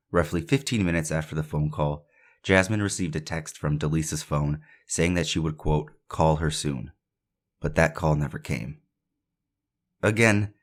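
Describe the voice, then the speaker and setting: A man hosting a true crime podcast, narrating a case with opinionated, casual asides between the facts he reads. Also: very deep voice.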